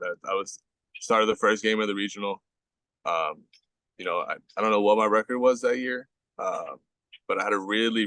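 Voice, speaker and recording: A man's voice: lowish voice, sharp tone, dry recording. Profane, slangy young man telling stories. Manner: slangy, profane storytelling with many fillers. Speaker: guest, baseball pitcher. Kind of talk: casual podcast chat.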